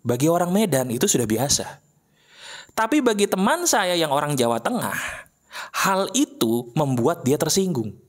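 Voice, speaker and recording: A man's voice: a little high, normal speed. Male motivational speaker, direct and chatty, heavy on rhetorical questions, voice-over. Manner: addresses listeners as friends. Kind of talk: motivational talk to viewers. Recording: voice-over for an animated video.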